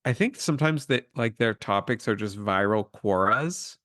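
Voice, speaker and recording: Guy cohost on a podcast, deadpan wry humor, kinda rambly, dry close sound. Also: lowish voice, normal speed, dry recording. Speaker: podcast co-host. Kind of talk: casual chat.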